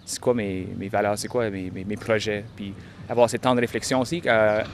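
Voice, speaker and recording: Low-voiced man, halting. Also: fairly even intonation, heavy background noise. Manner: halting, repeats words. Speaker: touring cyclist interviewee. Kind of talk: casual interview answers.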